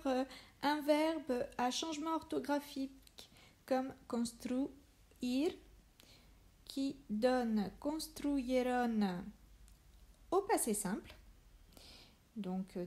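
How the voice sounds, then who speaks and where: A woman giving a grammar lesson, slowly reciting verb conjugations one by one. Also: on the high side, darkish tone. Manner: clear, deliberate, spells out each verb form. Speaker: Spanish teacher.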